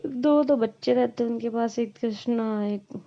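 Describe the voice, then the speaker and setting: A woman's voice: a little high, measured pace. A woman telling a love story in a chatty, casual way, linking each event with "then", in a dull lo-fi recording.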